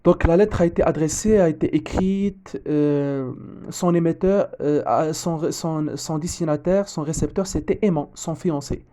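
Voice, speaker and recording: A man correcting an exam as a teacher, often pausing on fillers and restarting his sentences. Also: a little high, dark tone. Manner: hesitant, frequent fillers and restarts. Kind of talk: exam correction lesson, reading the text aloud.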